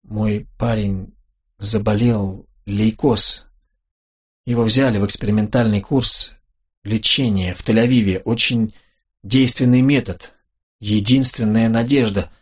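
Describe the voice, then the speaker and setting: A man's voice: on the low side, steady tone, a little slow, husky. A man reading an audiobook, voicing a frightened young woman who speaks with a trembling voice. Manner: trembling, speeding up.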